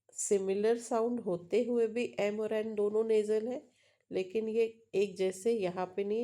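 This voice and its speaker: A woman's voice: mid-range voice, gravelly, dark tone. A woman English teacher giving a phonology lecture, mixing Hindi and English, repeating example words and often checking in with her students.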